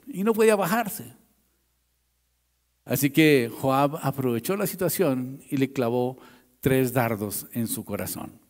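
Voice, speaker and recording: A male pastor preaches with a gravelly, slightly high voice and tells the story with real drama. He swings from raised, emphatic lines to hushed asides. The sound carries a long reverb from the church hall. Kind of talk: sermon.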